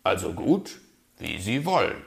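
A man's voice: low-pitched, huge pitch swings, measured pace, exaggerated voice. Man doing a grumbling, know-it-all fox. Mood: gruff. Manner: grumbling, gruff, sardonic.

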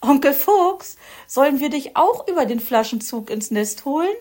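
A woman's voice: high-pitched, normal speed, pitched above the performer's own voice. Woman doing an eager young boy creature. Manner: eager, lively, giggly. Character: cheerful young boy animal, eager helper.

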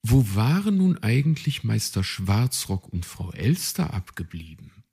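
A man reading a children's storybook aloud as narrator, lively and expressive. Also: on the low side, unhurried, creaky, breathy edge.

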